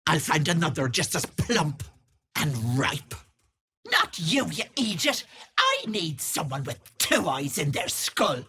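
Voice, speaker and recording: An actress playing a wicked old hag who poses as a kindly auntie in a video game, sly, wheedling and sharp-tongued, with sugary endearments. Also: female voice, deep voice, huge pitch swings, slow pace, husky, full character voice. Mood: angry, threatening. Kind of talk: game voice acting, theatrical.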